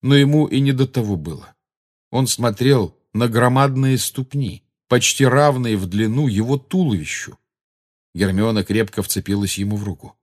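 A man narrating an audiobook with steady, dramatic storytelling. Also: mid-range voice, moderate pace. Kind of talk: scripted narration.

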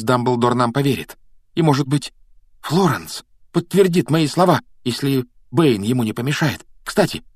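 A man's voice: mid-range voice, breathy edge, dry recording, clean studio sound, pitched above the performer's own voice. A man voicing a brave, anxious schoolboy wizard in a storybook reading, speaking urgently and earnestly.

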